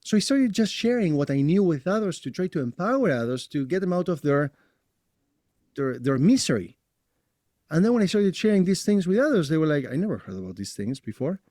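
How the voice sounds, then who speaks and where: A man from Argentina in his forties, a podcast guest who tells his career story with animated energy and frequent laughter. His voice has a dark, warm tone. The sound is dry and close. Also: a little high, brisk, dry recording. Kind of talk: casual interview.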